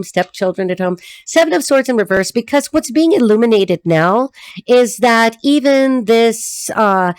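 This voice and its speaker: A woman's voice: mid-range voice, a little mellow, no room sound. A middle-aged woman giving a casual, rambling tarot reading to camera, laughing often as she talks. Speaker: tarot reader.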